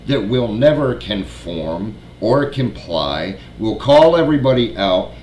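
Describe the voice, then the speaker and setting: A man's voice: mid-range voice, roomy sound, a little hiss or hum. A man reading news aloud and breaking off into blunt, scornful commentary, swearing freely. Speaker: prepper channel host.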